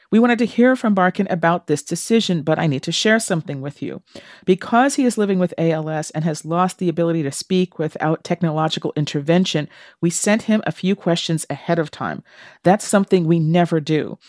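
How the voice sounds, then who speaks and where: A woman's voice: lowish voice, darkish tone, dry recording. A woman hosting a radio interview, explaining and asking questions in a broadcast style on a close studio mic.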